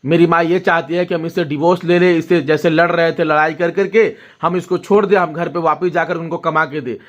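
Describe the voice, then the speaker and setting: A young man talks to the camera and tells a long family story. His voice sits a little high, and the recording is dull and lo-fi. He keeps checking in with his viewers as he goes. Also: steady tone, a little fast. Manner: storytelling, addresses viewers directly with frequent "ठीक है?". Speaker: vlogger. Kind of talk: casual talk to camera.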